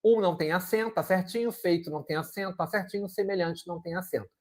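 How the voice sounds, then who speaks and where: A man's voice: high-pitched, quick pace. Didactic teacher quizzing his class. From Brazil. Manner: didactic, checks in with frequent "ok?" and rhetorical questions. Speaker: Portuguese teacher. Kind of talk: exam-prep lesson.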